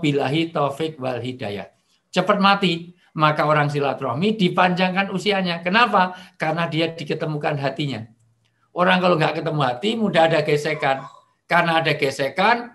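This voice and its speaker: A middle-aged man preaching over a video call, lively and joking, now and then acting out angry shouting. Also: fairly high pitch. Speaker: Islamic preacher. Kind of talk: online religious talk.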